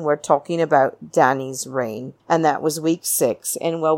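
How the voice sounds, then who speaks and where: A woman hosting a podcast, giving a chatty, opinionated recap monologue with theatrical, drawn-out emphasis and fond addresses to her listeners. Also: low-pitched, no echo. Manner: opinionated, blunt. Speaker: podcast host.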